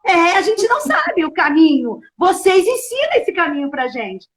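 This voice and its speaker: A middle-aged woman pastor, sharing a heartfelt personal testimony in a casual chat and at times rising almost to a shout. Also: very high voice, very animated, moderate pace. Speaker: pastor hosting a live show.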